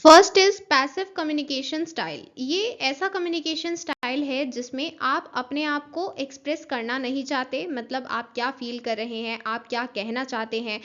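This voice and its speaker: A woman with a high voice teaches an online class, working through each point step by step. She spells words out letter by letter and stops to ask whether her students are following. The recording is dull and lo-fi. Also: fairly even intonation, unhurried, hardly any pauses, fairly bright tone. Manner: explains step by step, spells out letters, checks in with "understood?". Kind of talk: online class lecture mixing Hindi and English.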